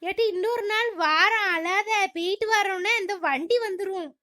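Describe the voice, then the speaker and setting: A woman voices a cartoon villager, talking in a brisk, soothing way. Her voice is very high and bright. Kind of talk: village cartoon comedy voicing.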